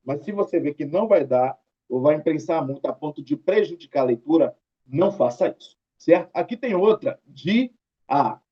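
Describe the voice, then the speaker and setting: Fairly high-pitched and husky, this Brazilian man sounds animated and talks at a normal speed, though the recording is muffled. Leading a writing lesson with a Brazilian Portuguese accent, he goes through examples chattily, stretches out tag questions, and scolds students mildly.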